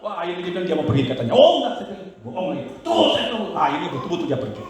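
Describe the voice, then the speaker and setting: A middle-aged pastor preaching a sermon, telling a story and shouting commands in prayer. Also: male voice, sits high, animated, very fast, a crowd in the background. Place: church hall. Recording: very echoey church hall.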